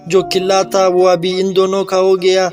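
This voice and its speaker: A man's voice: high voice, completely flat delivery, a little mellow, soft background music. A man with a Pakistani Urdu accent casually telling a folk tale, with plain, conversational restarts. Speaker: storyteller. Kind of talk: casual oral storytelling.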